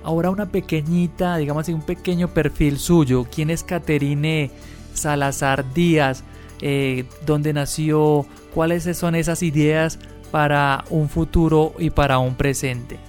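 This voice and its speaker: A man hosting a radio program, asking interview questions in measured, formal phrasing. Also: on the high side, steady tone, a little mellow. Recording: muffled radio audio, faint music behind.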